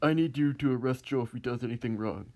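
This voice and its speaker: A man voicing a self-important, threatening police chief in a comedic amateur fan dub, speaking in a pompous, halting way. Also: medium pitch, a little mellow, natural voice. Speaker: fan dubber.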